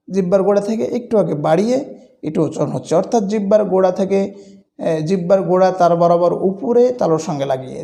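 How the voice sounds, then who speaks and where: High-voiced man teaching letter sounds. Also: vocal fry, dark tone. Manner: slow and deliberate, drawing out letter sounds as examples. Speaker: Quran recitation teacher. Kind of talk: instructional lesson.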